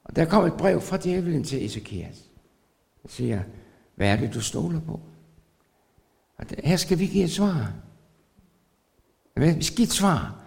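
A man preaches a sermon in a high, gravelly voice. He circles back over his phrases with fillers, then rises into loud, stretched-out declarations. Long reverb from a large hall trails every word. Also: sing-song, long pauses. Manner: builds to loud emphatic preaching, stretches key words; repeats phrases, hesitates with fillers.

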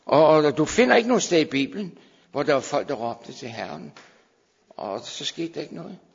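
A man preaching a sermon, moving between hushed, slow pleading and raised, urgent calls to his listeners. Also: a little high, lively intonation, creaky, husky. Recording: dull sound with long hall reverb.

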